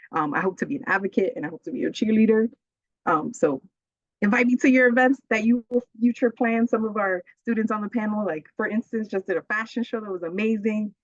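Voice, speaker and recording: A woman with a medium-pitched voice, recorded with no room sound, delivers a warm, upbeat webinar as an associate director, peppering it with "um"s. She comes from the Bronx, New York. Her laptop mic on the video call yields flat, dry audio.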